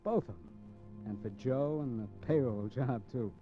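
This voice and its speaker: This is the same death-row gangster narrator from a mid-century American radio crime show, played lightly by a male actor with a medium-pitched voice. He sounds bitter and confused, his tough-guy slang halting and full of repeated words. Music plays under the muffled vintage recording.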